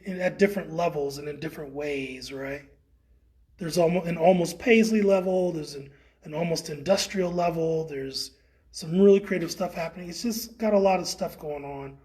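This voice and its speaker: Man, high voice, casual rambling, many fillers, indoor gallery tour. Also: darkish tone. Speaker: tour guide. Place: indoor art exhibit.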